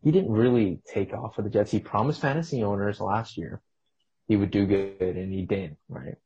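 A man with a fairly low voice gives casual, opinionated sports talk as a podcast co-host. He sounds husky, and the recording is a little dull. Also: moderate pace, mellow.

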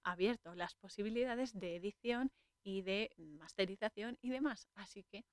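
A woman's voice: mid-range voice, normal speed, no room sound. A woman with a Spain Spanish accent hosting a podcast, casually retelling a film's scenes and laughing often. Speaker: podcast host. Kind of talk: casual podcast film recap.

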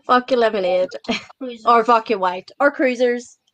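An Irish woman talking as a guest in a casual interview, candid and relaxed, laughing easily and saying "like" often. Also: a little high, unhurried, slight background noise. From Ireland. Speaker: guest, online reseller.

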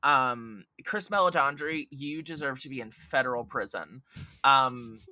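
Speaking at a medium pitch and an unhurried pace, this man has a bright, forceful tone, captured in a dry recording. He's a film critic appearing as a podcast guest, chatting casually about movies. He's opinionated and emphatic, tossing in sarcastic jabs and some swearing.

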